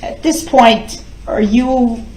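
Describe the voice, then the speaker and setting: Higher-voiced woman prosecutor in echoey courtroom. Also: fairly even intonation, a little mellow, faint music behind. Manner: formal, deliberate questioning. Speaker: prosecutor questioning a witness. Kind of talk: courtroom examination. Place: indoors in a courtroom.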